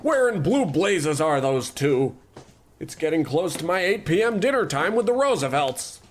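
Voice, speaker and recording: In an old-time radio comedy, an actor plays a pompous, ruthless rich tycoon who talks down to his staff and mutters sinister asides. His fairly high voice has a New England accent and a sing-song lilt at a moderate pace. Slight background noise can be heard.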